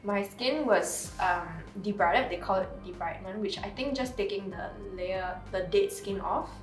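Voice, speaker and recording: A woman, telling her own story as an interview guest, soft-spoken and halting, with many fillers. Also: medium pitch. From Singapore. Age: 20s. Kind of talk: personal story in a sit-down interview. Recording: roomy sound from a distant mic, music behind.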